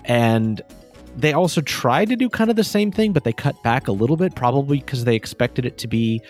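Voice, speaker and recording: A man co-hosting a casual podcast, chatty and quick to laugh, often trailing off into asides. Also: medium pitch, expressive, darkish tone, faint music behind. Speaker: podcast co-host. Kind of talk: casual chat about game music.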